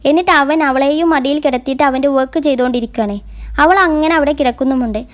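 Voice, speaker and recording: Brief: woman storyteller recapping a romance drama, high voice, steady chatty flow. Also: fast.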